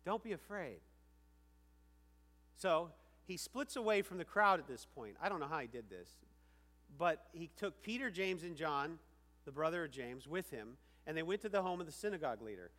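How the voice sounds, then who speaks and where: A man preaching a sermon as a pastor, emphatic, swinging between loud stresses and quiet asides and asking the listeners questions. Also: a little high, lively intonation, fairly quick. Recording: reverberant hall.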